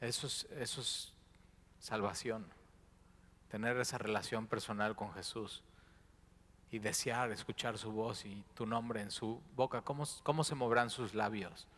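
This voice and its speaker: Impassioned pastor, bright voice. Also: male voice, lowish voice, fairly even intonation, measured pace. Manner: swings between hushed and loud impassioned preaching. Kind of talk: sermon. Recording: long hall reverb.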